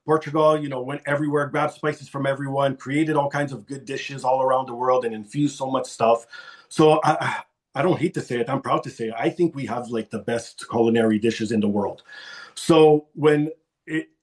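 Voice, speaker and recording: With a mid-range voice, fairly even intonation and normal speed, the middle-aged man from Toronto talks casually as a podcast guest. He goes on at length, rambling a touch, self-deprecating and prone to restarts.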